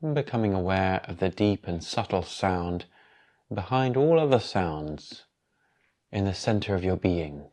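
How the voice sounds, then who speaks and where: Leading yoga nidra, this male guide speaks slowly and calmly in a somewhat low voice, letting long silences fall between each instruction.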